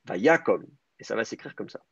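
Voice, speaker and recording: A man's voice: mid-range voice, very animated, moderate pace, a little mellow, slightly rough, no echo, lo-fi sound. A man teaching a Hebrew grammar class online, explaining step by step and thinking aloud with many hesitations.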